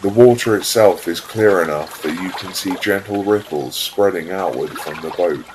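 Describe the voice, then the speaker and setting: A man with a low voice narrates a scripted guided visualisation, calm, soothing and unhurried, pausing between phrases. Background noise is present.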